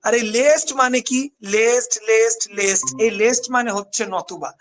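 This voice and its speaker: A man from Bangladesh with an extremely high, fairly bright voice speaks a little slowly while teaching English grammar in a live online class. He repeats the key points and drills his students with questions and answers.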